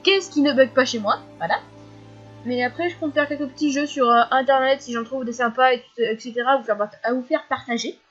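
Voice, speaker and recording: A teenage girl with a high, youthful voice rattles through viewer questions at speed, full of fillers and quick giggles. The recording is a little dull and lo-fi, with faint music underneath. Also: fairly bright tone. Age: teens. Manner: fast, chatty, giggly, lots of fillers. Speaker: youtuber answering viewer questions. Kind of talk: casual FAQ vlog.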